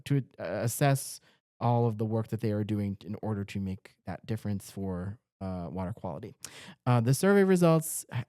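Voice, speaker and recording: A man's voice: mid-range voice, mellow, no echo, clean studio sound. A young man reporting farm news in a casual, jokey rundown, stumbling over place names now and then.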